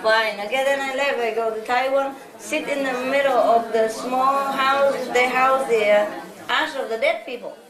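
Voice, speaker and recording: High-voiced woman teacher in an echoey hall. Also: steady tone, moderate pace, crowd noise. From Vietnam. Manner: chatty storytelling, frequent "you know?" asides. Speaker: spiritual teacher. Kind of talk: informal lecture to an audience. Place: large hall with an audience. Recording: echoey hall from a distance with audience.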